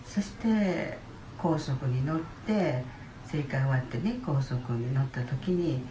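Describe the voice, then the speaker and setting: Low-voiced older woman. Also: dark tone, slight background noise. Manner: halting, with many pauses and fillers. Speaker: church member giving testimony. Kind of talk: personal testimony. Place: church. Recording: roomy church hall.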